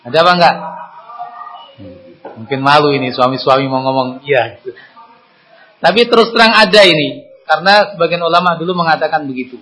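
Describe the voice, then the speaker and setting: A man preaching a Friday sermon in a mosque, lively and conversational, with sudden lifts in pitch and rhetorical questions. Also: fairly quick, long pauses, a little hiss or hum, rough recording.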